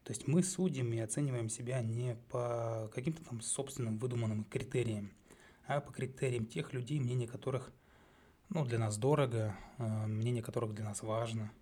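A man hosting a solo psychology talk, speaking in a measured, thoughtful way with frequent hesitations and self-corrections. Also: mid-range voice, steady tone, warm tone. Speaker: psychology channel host.

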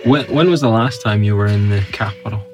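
A man's voice: on the low side, brisk, over music. A man with a Northern Irish accent co-hosting a podcast in casual, unscripted, jokey banter. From Northern Ireland, UK. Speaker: podcast co-host.

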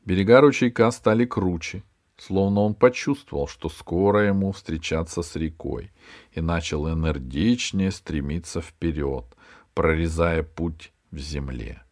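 A man narrating a children's adventure audiobook in an even storytelling manner. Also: deep voice, unhurried. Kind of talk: scripted narration.

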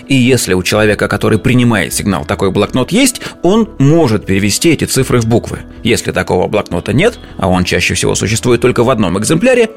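Male explainer presenter, middle-pitched, conversational, with faint music underneath. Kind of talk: informal explainer narration.

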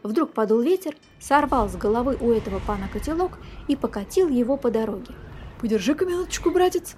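A woman reads a children's fairy tale aloud with lively, expressive storytelling. Her voice is a little high and fairly quick, and the recording has a little hiss or hum.

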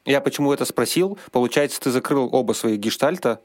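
A man's voice: medium pitch, expressive, fast talker, dry recording. A man hosting a podcast, asking curious, direct questions. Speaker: podcast host. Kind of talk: interview questions.

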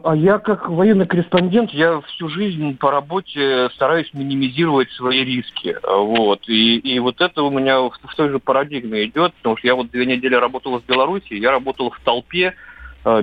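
A man's voice: medium pitch, slight background noise. Man on a dull radio link. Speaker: war correspondent interviewed as guest. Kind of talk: casual spoken account in a radio interview. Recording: dull, band-limited remote radio link.

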